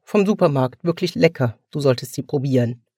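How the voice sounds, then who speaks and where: A man's voice: mid-range voice, brisk, dark tone, slightly rough, no room sound, clean studio sound, natural voice. A man reading aloud voices a brusque, defensive younger brother who dodges questions. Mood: curt. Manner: brusque, evasive.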